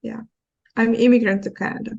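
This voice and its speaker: A woman's voice: on the high side, level tone, creaky, a little mellow, husky, highs cut off. Hesitant woman with a Croatian accent. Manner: hesitant, halting speech with fillers. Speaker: florist, workshop participant. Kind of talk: casual chat on a video call. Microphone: video call.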